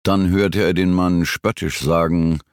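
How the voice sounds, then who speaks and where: A male audiobook narrator reads a suspense story in a measured, tension-building way. His voice is very low and gravelly. The sound is dry and close, with no room echo. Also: little pitch movement. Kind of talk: scripted narration.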